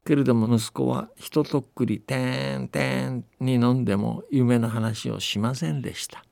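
A man on a radio show, chatting casually and then narrating a folktale in a gentle, unhurried way. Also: medium pitch, fairly even intonation, creaky, no room sound. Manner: gentle, unhurried conversational telling.

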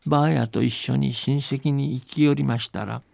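A man's voice: medium pitch, fairly even intonation, moderate pace, gravelly, a little mellow, no room sound. A man doing a pleading fox girl. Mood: earnest. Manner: polite, pleading. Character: fox disguised as a pleading young bride.

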